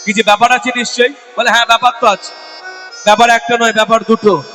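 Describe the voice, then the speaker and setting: In a large hall with soft music in the background, a man gives a devotional sermon as a kirtan singer, leading call-and-response chanting before a live audience. His voice is extremely high, flat, quick, pushed and bright. He poses rhetorical questions to the listeners, answers them himself, and speaks directly to the women present.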